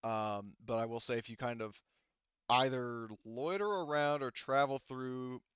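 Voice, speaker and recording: A man with a clear, smooth, medium-pitched voice serves as game master for a casual tabletop session. At a measured pace he rambles, thinks aloud and swears casually. The recording is close, dry and slightly dull, with no echo.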